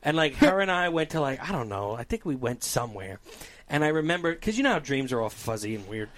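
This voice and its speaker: A man co-hosting a casual talk show, telling a dream story in an animated way, swearing often and acting out voices. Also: mid-range voice, fast talker. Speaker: podcast co-host.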